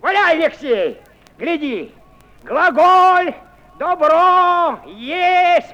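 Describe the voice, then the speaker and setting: An actor playing a stern, irritable old grandfather in a radio drama, scolding and drilling a boy on the alphabet with gruff name-calling. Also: extremely high pitch, sing-song, very slow, sharp tone, highs cut off, full character voice. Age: older. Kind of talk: 1950s-60s radio drama acting.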